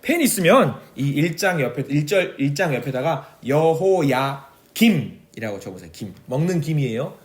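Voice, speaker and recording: A male pastor gives a teaching sermon at a prayer meeting. His voice sits high and swings widely in pitch as he questions the listeners and acts out lines of prayer. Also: normal speed, hardly any pauses. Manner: animated teaching, acts out pleading dialogue with God; asks the congregation questions, gives note-taking instructions.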